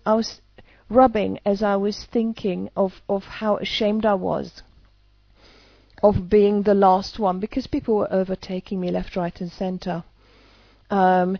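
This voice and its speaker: A woman's voice: medium pitch, vocal fry. A woman talking casually to camera in a hesitant way, often restarting her sentences. Her voice is recorded dry and a little dull, with no room echo. The sound is slightly lo-fi. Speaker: EFT practitioner.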